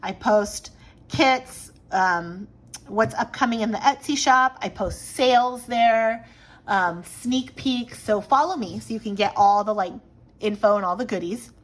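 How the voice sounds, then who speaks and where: A woman's voice: medium pitch, measured pace. A woman in her thirties, chatting casually to camera at home while planning, with a slight frog in her throat and lots of fillers. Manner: chatty, rambling with many fillers. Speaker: planner vlogger.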